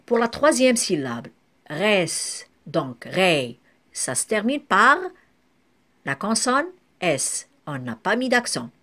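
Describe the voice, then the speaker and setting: A woman teaching French spelling in a slow classroom manner, breaking words into syllables and sometimes correcting herself. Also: mid-range voice, big pitch swings, fairly bright tone. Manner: spells out syllables one by one, with occasional self-corrections.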